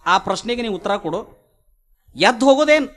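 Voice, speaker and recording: A man with a North Karnataka Kannada accent voicing a calm wandering holy man in a sermon story, plain-spoken and measured. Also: high voice.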